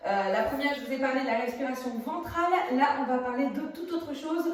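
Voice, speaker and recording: A theatre workshop teacher gives a casual video lesson in a high, fairly quick voice, chatting with many hesitations and demonstrating as she talks. She's captured by a phone camera at a distance in a very echoey room.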